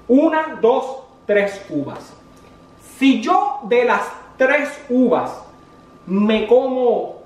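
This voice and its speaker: A man in a comedy sketch, playing a dad who homeschools his kid and scolds him in fast, exasperated teacher talk. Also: high voice, reverberant, distant mic.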